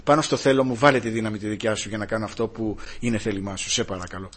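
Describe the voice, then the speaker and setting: A man preaching an impassioned sermon, swinging from hushed tones to shouted rhetorical questions. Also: lowish voice, fairly even intonation, husky.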